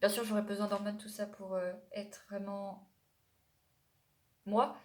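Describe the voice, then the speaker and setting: A woman's voice: mid-range voice, level tone, measured pace. A young adult woman from France talking casually to her vlog audience, rambling and digressing with many hesitations and self-corrections. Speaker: YouTuber. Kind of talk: casual vlog chat to camera.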